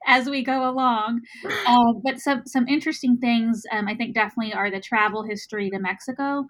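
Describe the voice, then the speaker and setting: A woman's voice: on the high side, fairly even intonation, fairly quick. A woman with a Texas accent discussing a medical case, hesitant, with many ums. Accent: Texan.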